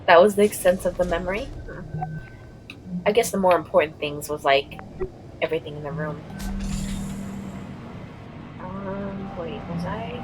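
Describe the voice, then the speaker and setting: A woman's voice: fairly low pitch, measured pace, long pauses, music in the background, poor audio. A woman giving casual let's-play commentary on a game. She is chatty, laughs often and reacts aloud as she plays. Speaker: gaming video host.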